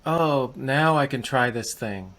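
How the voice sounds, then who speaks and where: A man's voice: mid-range voice, expressive, takes it slowly, fairly bright tone. A man hosting a podcast, asking casual, rambling questions. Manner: conversational, rambling questions with restarts. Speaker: podcast host. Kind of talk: casual interview.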